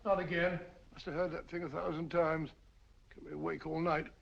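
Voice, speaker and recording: A bluff, hearty doctor with a high, gravelly, husky voice, heard on a dull old film soundtrack. He is a good-natured sidekick who talks in a warm, chummy way. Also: little pitch movement, a little fast, background noise. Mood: chatty. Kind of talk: 1940s film acting.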